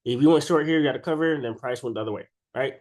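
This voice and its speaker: Talking rapid-fire in a medium-pitched, slightly mellow voice, a trading video creator with a cold runs through charts off the cuff. He's informal and slangy and keeps checking in by ending statements with "right?"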